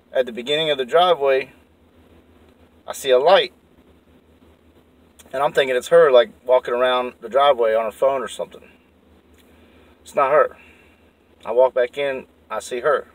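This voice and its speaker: A man's voice: mid-range voice, far from the mic, poor audio. A man telling a story in a rambling, profane, heated way. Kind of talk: casual storytelling.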